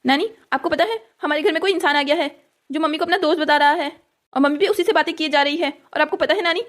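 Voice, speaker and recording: A woman's voice: sits high, fast, a bit bright. A woman voicing an upset teenage son in a cartoon story, urgent and pleading.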